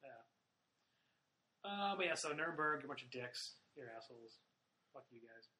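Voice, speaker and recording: Man, podcast host, casual sports chat, very bright tone, filler-heavy, profane. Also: mid-range voice, expressive, moderate pace, rough recording.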